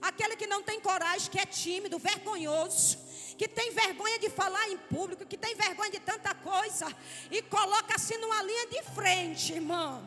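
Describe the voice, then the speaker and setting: A woman's voice: extremely high pitch, normal speed, bright, forceful tone. A woman preaching a fervent Pentecostal sermon in a church, repeating phrases and breaking into tongues. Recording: long church hall reverb with faint music.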